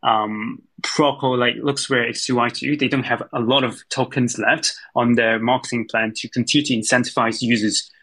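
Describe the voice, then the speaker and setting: A man speaking as a guest panelist on an online audio call, in halting casual talk with many fillers, while his glitching audio keeps cutting out. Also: medium pitch, steady tone, a bit bright, rough recording.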